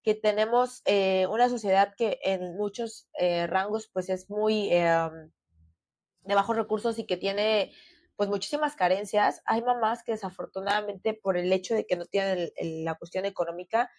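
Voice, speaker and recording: A woman's voice: mid-range voice, moderate pace, darkish tone, no echo. A woman, co-hosting a podcast and telling her story in an earnest, chatty way with many fillers. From Mexico. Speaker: podcast co-host. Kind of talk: casual podcast chat.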